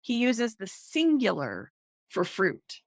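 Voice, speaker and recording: Excited woman guest, dry close sound. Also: mid-range voice, takes it slowly, no room sound. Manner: excited, emphatic explaining. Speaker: guest, author and counselor. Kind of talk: conversational podcast interview.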